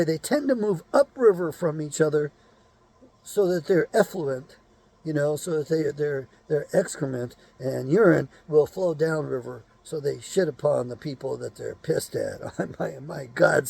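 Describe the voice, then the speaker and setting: Gravelly, blunt man ranting. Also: fairly high pitch, darkish tone. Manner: blunt, cursing, rants with rhetorical questions. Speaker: show host. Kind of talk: rambling opinionated monologue.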